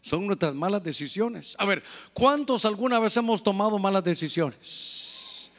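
A man's voice: high-pitched, lively intonation, a little slow, fairly bright tone, in a large hall. A male pastor preaching a sermon, swinging between fervent exclamations and chatty asides to the congregation.

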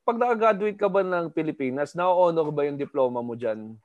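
A man's voice: a little high, lively intonation, fairly quick, dry recording, highs cut off. A man co-hosting a podcast, asking the guests direct questions. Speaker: podcast co-host. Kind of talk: casual chat.

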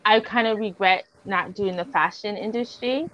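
A woman's voice: medium pitch, moderate pace, a little hiss or hum. A woman hosting a podcast in casual chat, speaking informally with slang and swearing. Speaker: podcast host. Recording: slightly dull lo-fi audio.

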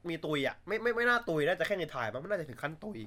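A man's voice: sits high, very animated, very fast, bright, forceful tone. A man chatting casually on a livestream, blunt and crude, joking, with many filler sounds. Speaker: streamer.

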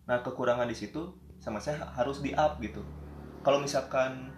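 A man hosting a casual chat, prompting his friends with relaxed, slangy questions. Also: medium pitch, moderate pace, reverberant, a little hiss or hum. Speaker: host asking questions.

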